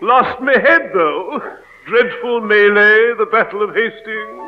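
An actor playing a pompous old English aristocratic ghost knight, hesitant and blustering, in radio comedy style. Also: male voice, high voice, takes it slowly. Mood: gallant, nostalgic. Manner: hesitant, blustering, chuckling upper-class stammer. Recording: muffled old radio recording with music.

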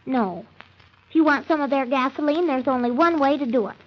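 An actress playing a prim, nervous, stubbornly clinging wife, fretful and earnest, in old-time radio comedy style. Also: female voice, high-pitched, brisk, close to an everyday voice. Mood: prim, indignant. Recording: dull, lo-fi old radio recording.

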